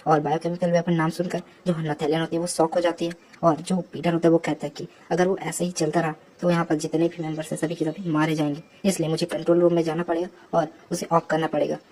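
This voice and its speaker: A woman recaps a comic story in a casual, chatty way, dropping in English words and offhand asides. Her voice is low and mellow, and it stays fairly level. A faint hiss sits under the recording.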